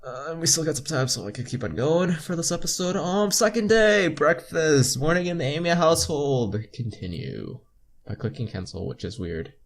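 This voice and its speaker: A young adult man hosts a laid-back visual novel playthrough, reading the text aloud with chatty asides and the occasional stumble. His voice is a little high and animated, at a normal speed.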